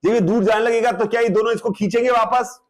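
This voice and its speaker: A man's voice: extremely high pitch, steady tone, fast. A man lectures on physics. He walks through the reasoning step by step and keeps stopping to ask whether his students understand. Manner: explains step by step, keeps checking students follow. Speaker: physics teacher. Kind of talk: classroom lecture.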